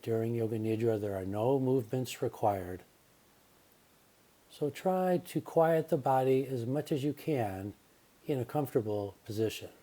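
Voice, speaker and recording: With unhurried pauses and a calm, gentle manner, a man guides a relaxation meditation in the style of yoga nidra. His voice sits in the mid range.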